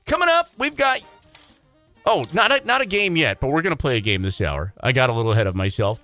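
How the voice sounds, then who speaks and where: A man co-hosting a radio morning show, chatting casually in a quick, joking, self-deprecating way. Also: mid-range voice, animated, sharp tone, soft background music.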